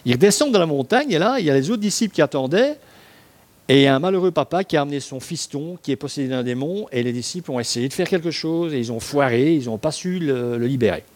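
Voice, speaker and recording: A man with a slightly high voice preaches a sermon. He explains the passage in a relaxed, talky way, breaking off for asides and asking his listeners rhetorical questions. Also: quick pace.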